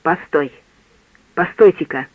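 A man's voice: on the high side, slow pace, no room sound. A man voicing a frightened, timid man who whines and whispers anxiously in an audiobook. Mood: relieved. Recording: tinny phone-like dry sound.

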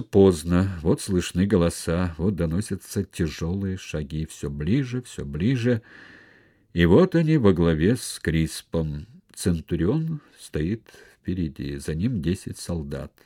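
A man narrating a historical novel as an audiobook, in a measured, expressive reading. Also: deep voice, husky.

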